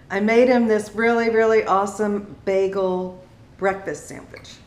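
Slow-talking, giggly mom. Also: female voice, medium pitch, fairly even intonation, a little mellow, roomy sound. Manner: giggly, teasing. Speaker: mother riding along. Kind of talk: casual vlog chat.

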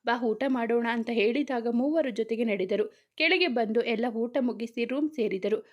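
A woman storyteller reading a romantic story aloud in steady, even scripted narration. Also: a little high, moderate pace.

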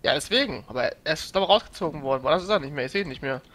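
A man in a gaming voice chat explaining what happened in a quick, matter-of-fact way. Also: a little high, lively intonation, a bit bright. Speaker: gaming co-player.

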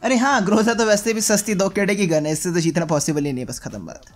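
A man's voice: high voice, fast, soft background music. A young man hosting a gaming channel, giving chatty, joking, self-mocking gameplay commentary.

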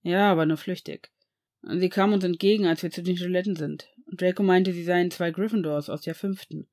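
A reader voicing a calm aristocratic man who speaks in a reassuring way. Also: medium pitch, a little fast, natural voice. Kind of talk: audiobook fan reading.

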